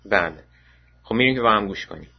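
A man's voice: on the low side, expressive, gravelly, breathy edge. A man hosting a radio podcast, chatting casually and hesitantly. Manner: hesitant, many "uh" fillers. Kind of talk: casual chat. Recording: muffled lo-fi recording.

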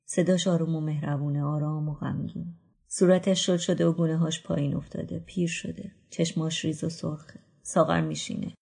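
Low, gravelly woman reading quietly. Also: level tone. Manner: quiet, introspective, drops to whispers. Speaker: book reader. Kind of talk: first-person literary narration.

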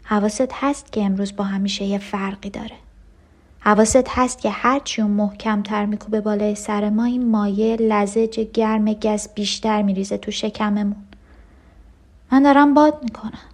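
A woman's voice: medium pitch, steady tone, darkish tone, close to an everyday voice. An actress playing a frightened unborn twin girl who clings to her sister and pleads with her. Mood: anxious. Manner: urgent, breathless pleading with sudden cries. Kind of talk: radio drama acting.

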